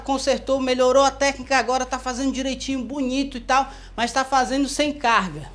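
Woman, joking fitness coach talking to camera, slightly high pitch, soft music under her. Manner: playful, joking, demonstrating moves while talking. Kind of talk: casual workout instruction to camera.

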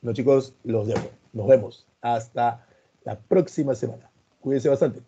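A pre-university history teacher speaks at a moderate pace in a mellow, medium-pitched voice during a live online class, addressing students by name and using homely examples. He sounds stern but says that's just his natural voice. The lo-fi audio carries a little hiss or hum.

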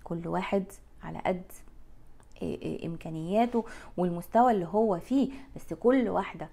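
A woman's voice: fairly low pitch, brisk, vocal fry, mellow. Frank Egyptian woman talking to camera. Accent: Egyptian Arabic. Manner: frank, blunt, gestures with her hands. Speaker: life coach vlogger. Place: bright room by a window. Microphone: lapel mic.

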